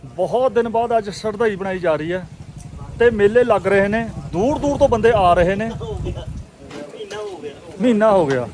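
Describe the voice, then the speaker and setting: A man's voice: high voice, animated, moderate pace, pauses often, a little mellow, low-quality recording. A man with a Punjabi accent giving casual, hearty vlog commentary and bantering with his companions. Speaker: vlogger hosting. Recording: chatter of a group behind.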